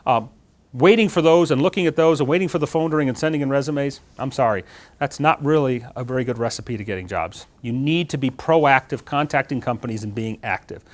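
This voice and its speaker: Fast-talking animated middle-aged man. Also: mid-range voice. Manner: animated, talks with his hands, asks the audience questions. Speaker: guest speaker on job interviews. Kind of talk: lively classroom talk to students. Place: lecture room with student audience.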